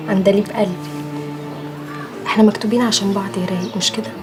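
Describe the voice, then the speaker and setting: Fields: Accent: Egyptian. Figure: an actress playing a lovestruck young bride. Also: female voice, mid-range voice, fairly even intonation, racing, music in the background, natural voice. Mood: adoring.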